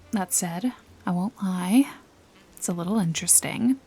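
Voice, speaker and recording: Mid-range and darkish, the woman's breathy voice often fades to a whisper as she plays a wry, commanding detective-bodyguard in a close noir ASMR roleplay. Her manner stays teasing and lightly threatening.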